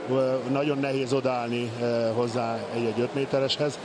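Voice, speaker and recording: A man giving unscripted match analysis as a co-commentator, in hesitant, halting phrases. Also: medium pitch, flat delivery. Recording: loud pool-hall noise behind. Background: loud indoor pool ambience.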